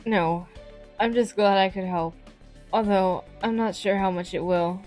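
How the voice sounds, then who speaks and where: A bashful, easily flustered anime student, voiced by a woman in a fan dub. The mid-pitched voice is hesitant and stammering, modest and apologetic, with music playing underneath. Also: fairly even intonation, a little slow, darkish tone, natural voice. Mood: shy, confiding. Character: shy, flustered, modest student with secret hobby.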